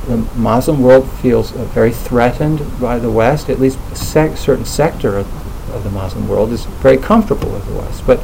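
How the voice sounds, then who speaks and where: A man speaking thoughtfully in a relaxed conversational talk, hesitating often with fillers and restarts. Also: mid-range voice, vocal fry, slight background noise, poor audio.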